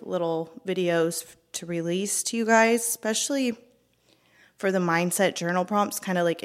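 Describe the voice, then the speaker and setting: Chatty, breathless young woman coach. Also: medium pitch. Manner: chatty, upbeat, filler-heavy. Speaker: fitness coach. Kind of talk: casual talk to camera.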